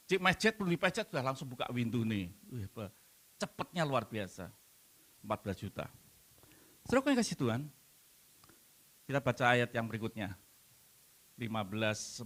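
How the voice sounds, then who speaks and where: A man preaching, talking in a conversational, animated way and putting questions to the congregation. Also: medium pitch. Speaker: pastor. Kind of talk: sermon.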